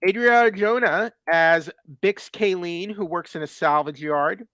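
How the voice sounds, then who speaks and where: Male co-host, high and smooth, casual and halting with lots of uh and restarts. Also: pushed and bright, dry recording. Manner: hesitant, many fillers and restarts. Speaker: watch party co-host. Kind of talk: casual pop-culture chat.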